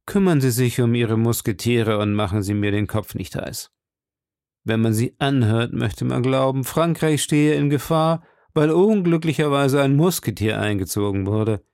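A man reading an audiobook, voicing an irritable, commanding king who speaks imperiously and loudly. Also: medium pitch, normal speed, clear, resonant tone, dry recording, clean studio sound, natural voice. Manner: imperious, loud, exasperated. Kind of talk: audiobook character voice.

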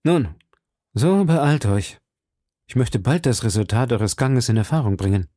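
A man's voice: medium pitch, expressive, unhurried, dark tone, dry recording, studio quality. A man voicing a scheming male agent of the cardinal in a read-aloud storybook, with a cold, scornful way of questioning. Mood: urging.

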